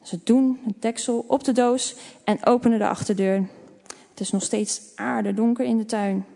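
A woman reading a children's story aloud in a gentle, expressive way. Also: fairly high pitch, normal speed, gravelly. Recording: long reverb.

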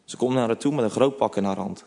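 A man narrating a children's storybook in a calm, gentle way. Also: on the low side, fast talker, creaky. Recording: long reverb.

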